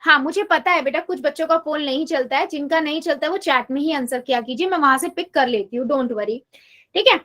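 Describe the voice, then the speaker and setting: A woman with a very high voice teaches math in a live online class. She coaxes her students patiently and asks each question again and again, slipping English math terms into her sentences. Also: fairly quick, fairly bright tone.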